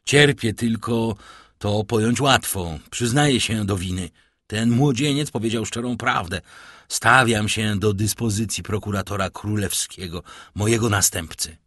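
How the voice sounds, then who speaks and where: A man's voice: fairly low pitch, a little slow, a bit bright, dry recording, clean studio sound. A man reading an audiobook, voicing a shaken middle-aged male prosecutor in a muffled, faltering way. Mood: broken.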